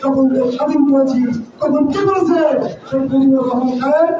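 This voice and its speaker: Older male party speaker, shrill and fiery, repeating slogans; distant handheld mic, boomy room, crowd murmur. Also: a little fast. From Bangladesh. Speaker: political speaker. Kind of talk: shouted rally speech. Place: crowded indoor party office. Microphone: handheld mic, filmed from far. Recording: echoey hall, far off, dull, crowd.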